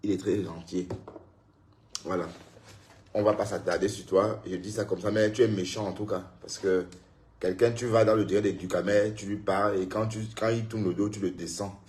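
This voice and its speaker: A man's voice: lowish voice, steady tone, brisk, a little mellow. A man ranting in a casual live stream, scolding a critic and talking straight to his viewers, tired after his day.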